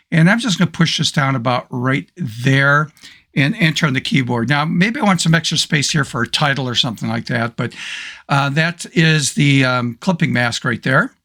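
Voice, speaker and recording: A man with a hoarse voice, casually talking through a photo editing tutorial step by step. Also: mid-range voice, pushed and bright. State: hoarse, losing his voice. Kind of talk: screen-recorded software tutorial.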